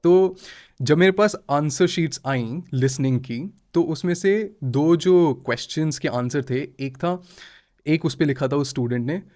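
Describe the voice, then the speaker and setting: A man in his thirties, an IELTS trainer appearing as a guest, talks in a podcast interview, mixing Hindi and English and laughing often. His voice is on the high side, a little mellow, and unhurried.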